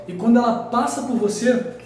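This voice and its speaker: A man's voice: extremely high pitch, fairly quick, a little hiss or hum. A man with a Brazilian accent teaching a physics exam lesson at a whiteboard, explaining step by step and checking in often with his students. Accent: Brazilian Portuguese. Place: room with a whiteboard. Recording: very echoey room, mic far off.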